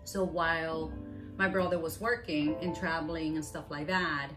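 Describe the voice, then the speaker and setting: Her voice low and fairly even, a woman from Venezuela speaks at a normal speed as an interviewee, earnestly describing her migration in long run-on sentences. Spanish is her first language, and music plays underneath.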